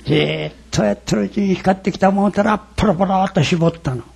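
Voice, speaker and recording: Gravelly older man. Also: high voice, fast, darkish tone, a little hiss or hum. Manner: folksy, dramatic retelling with quoted voices. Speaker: religious lecturer. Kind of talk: storytelling sermon.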